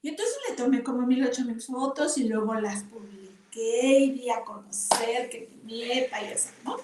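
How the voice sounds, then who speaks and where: An older woman, teaching a Bible class to women and telling personal stories with lively exclamations. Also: a little high, normal speed. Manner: expressive storytelling with exclamations and laughter. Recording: echoey room from far off.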